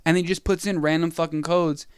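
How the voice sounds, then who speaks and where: Brief: young male podcast co-host, smooth higher voice, dry close mic, rambling storyteller. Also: steady tone, fairly quick, no room sound. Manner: rambling storyteller with many fillers. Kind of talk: casual podcast chat. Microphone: podcast microphone.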